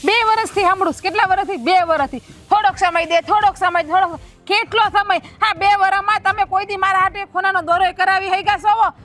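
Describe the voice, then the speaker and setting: A woman's voice: very high-pitched, a little fast, few pauses, a bit bright, faint music behind. An actress playing a proud young wife who taunts and scolds her husband. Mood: scolding. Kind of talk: village family drama.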